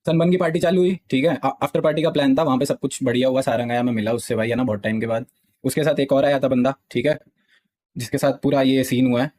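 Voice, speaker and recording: A man's voice: mid-range voice, little pitch movement, fast talker, darkish tone. A young man, a gaming streamer, explaining a dispute insistently to his live-stream chat. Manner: insistent, repeats "theek hai" often.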